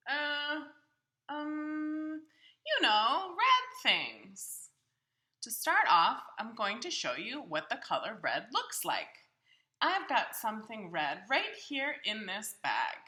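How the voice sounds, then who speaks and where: A woman's voice: high-pitched, sing-song, takes it slowly, sharp tone, pitched above the performer's own voice, full character voice. A woman voicing a big, friendly, childlike bird from a storybook, earnest, hesitant and easily muddled. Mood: hesitant, eager. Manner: hesitant, earnest, folksy exclamations.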